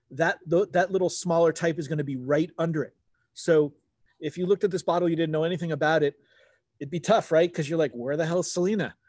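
A man's voice: fairly high pitch, darkish tone, no room sound, studio quality. A man in his forties giving a casual, explanatory wine talk, rephrasing as he goes like a conversational teacher. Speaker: wine webinar presenter. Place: outdoors at a garden table.

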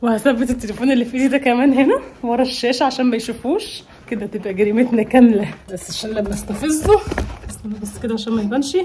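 A young Egyptian woman talking fast and insistently in a casual home vlog. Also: on the high side, dark tone, slight background noise. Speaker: vlogger. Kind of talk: casual staged argument.

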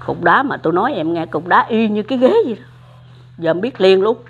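An older woman tells stories in a lively, chatty way, acting out the dialogue. She speaks in a mid-range voice and calls the listener by fond names. The recording is muffled and lo-fi. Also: mid-range voice, a little fast. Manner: animated, acts out dialogue, addresses listener affectionately. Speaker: storyteller of religious experiences. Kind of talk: casual spoken storytelling.

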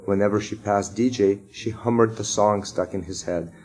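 A man reading a children's chapter book aloud to sixth graders in a steady, measured way. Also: fairly low pitch, poor audio.

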